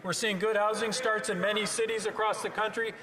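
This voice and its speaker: A man's voice: high-pitched, little pitch movement, brisk, low-quality recording. A man giving a minister's reply in a parliamentary debate. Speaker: government minister. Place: large legislative chamber. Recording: busy chamber with loud crowd murmur.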